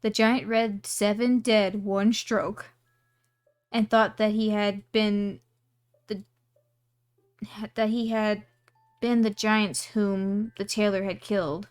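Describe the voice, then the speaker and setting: A woman's voice: medium pitch, flat delivery, slow pace, pauses often, clean tone. A woman streamer casually reading a storybook aloud, giggling and adding asides on the text.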